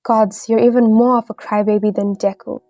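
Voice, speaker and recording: A woman voicing a brash, bossy little boy who talks in a gruff, dismissive, blunt way in a read-aloud story. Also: on the high side, fairly even intonation, moderate pace, dark tone, no echo, soft background music, natural voice.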